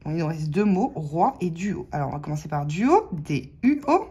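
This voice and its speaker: A woman's voice: deep voice, big pitch swings, moderate pace, noisy background. A woman with a French accent giving casual, chatty commentary as she scratches lottery tickets, talking to her viewers and spelling out letters one by one. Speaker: scratch-card vlogger.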